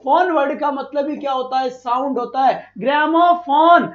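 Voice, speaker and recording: High-voiced teacher praising students. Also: male voice, normal speed. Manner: repetitive, quizzing students and praising them. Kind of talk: live online exam-prep lesson. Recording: dull lo-fi stream audio.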